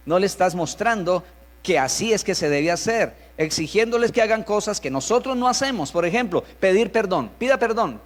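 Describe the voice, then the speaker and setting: A male pastor preaching in a conversational sermon style, acting out what parents say to their children. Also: high-pitched. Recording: reverberant hall with mains hum.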